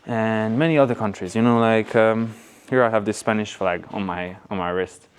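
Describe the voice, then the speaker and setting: A man's voice: lowish voice, steady tone, normal speed. A man from Hungary with a Hungarian accent, talking to camera as a vlogger, emphatic and fond of rhetorical questions, stretching the words he stresses. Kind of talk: talking to camera, opinion vlog. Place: on location at old museum buildings. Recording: clear background ambient noise.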